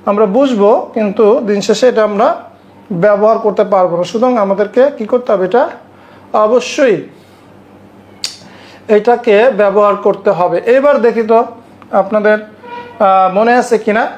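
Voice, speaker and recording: A woman teaching an Arabic language lesson, saying phrases slowly, repeating them and often checking with her students. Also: mid-range voice, a little mellow.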